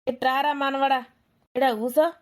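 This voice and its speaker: A quarrelsome old village grandmother in a cartoon, played by a woman bickers and taunts. Her voice sits slightly high. She sounds like a grandmother who loves a squabble. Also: little pitch movement, a little slow. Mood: taunting. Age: older.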